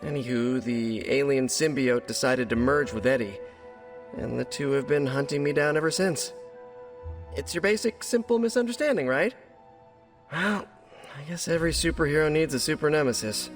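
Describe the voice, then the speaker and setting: A man's voice: mid-range voice, animated, normal speed, soft background music, close to an everyday voice. An American man playing a young, nerdy, wisecracking superhero in a video game, chatty and joking in a stop-and-start delivery. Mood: awkward, confiding. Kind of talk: video game cutscene dialogue.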